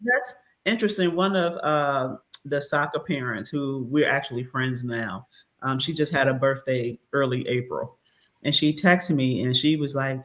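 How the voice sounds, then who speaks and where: A woman in her fifties hosting a casual talk show, lively and quick to laugh with playful asides. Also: rumbling low, rough recording. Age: 50s. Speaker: host. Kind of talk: casual chat.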